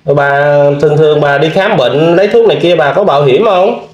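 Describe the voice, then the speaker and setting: A man hosting a video, gently questioning an older woman with many fillers. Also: on the high side, fairly quick, reverberant, highs cut off. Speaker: vlog host interviewing. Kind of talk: casual interview.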